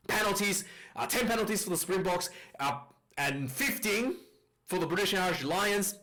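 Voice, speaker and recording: Reviewing a rugby match in a casual video, this man rambles with fillers and restarts. His voice sits high and is expressive and sharp in tone, at a moderate pace. The mic is distorted and clipping.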